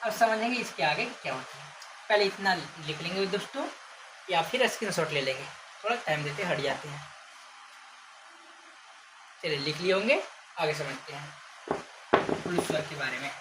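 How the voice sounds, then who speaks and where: A woman's voice: deep voice, expressive, moderate pace, long pauses. A woman teaching a grammar lesson to children, repeatedly asking the class questions and drawing out example words. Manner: stretches out called names as examples. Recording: noisy background ambience.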